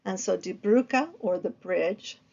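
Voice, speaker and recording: A woman who teaches art lectures on art history in a gravelly, fry-tinged voice that is medium in pitch and a little mellow. Her speech is loose and conversational, with pauses filled by ums and uhs. The recording sounds dull and lo-fi.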